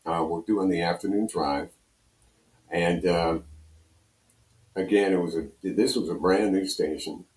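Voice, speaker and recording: Recorded in an echoing, roomy space, this older Pennsylvania man speaks low and steady, a little slowly, with long pauses and a darkish tone. He's a radio program director and on-air personality, appearing as an interview guest and telling loose, rambling stories from his past.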